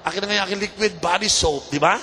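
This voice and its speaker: Filipino guy preaching, high and bright, switches english and tagalog, echoey church hall w faint room noise. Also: quick pace. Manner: animated, mixes Tagalog and English, acts out anecdotes in changing voices. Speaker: bishop preaching. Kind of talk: lively sermon with humor and audience call-and-response. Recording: reverberant hall with faint ambience.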